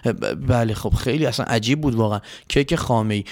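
A man's voice: mid-range voice, darkish tone. A man hosting a children's quiz show, patient and polite but flustered by his contestants. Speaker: quiz host.

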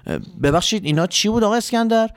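A man's voice: high voice, animated, clear, resonant tone. A man hosting a children's quiz show, patient and polite but flustered by his contestants. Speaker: quiz host.

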